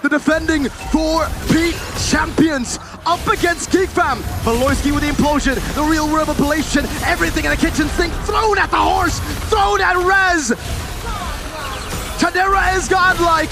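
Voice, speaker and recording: A man casting an esports match, hyped and shouting at the big moments. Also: very high-pitched, unhurried, music in the background. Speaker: esports caster. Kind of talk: play-by-play commentary.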